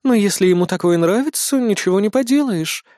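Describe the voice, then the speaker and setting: A man reading an audiobook, voicing a sly young queen who talks in a soft, purring way. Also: high-pitched, animated, a little fast, dry recording, studio quality, pitched above the performer's own voice. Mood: calm. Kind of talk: audiobook character voice.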